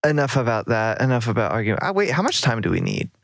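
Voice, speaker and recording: A man co-hosting a casual gaming podcast, excitable and laughing often, now and then jumping up to loud high squeals. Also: quick pace, creaky. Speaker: podcast co-host.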